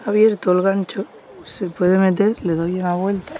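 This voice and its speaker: A woman's voice: mid-range voice, steady tone, moderate pace, lo-fi sound, background noise. A woman vlogger chatting casually as she walks around her house and garden, explaining the plans. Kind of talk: casual home tour vlog. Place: outdoors in a garden and terrace.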